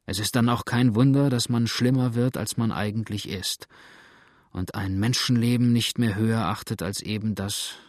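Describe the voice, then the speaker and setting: A man's voice: fairly low pitch, steady tone, normal speed, no echo, clean studio sound, lightly acted. A man voicing a hungry, bitter male runaway who talks in an agitated, complaining way.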